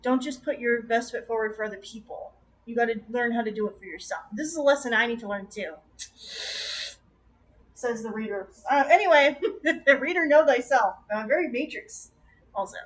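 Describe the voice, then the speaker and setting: A woman giving a casual, rambling tarot reading on a stream, with gentle, encouraging advice and chatty asides. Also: a little high, moderate pace, poor audio. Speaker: tarot reader.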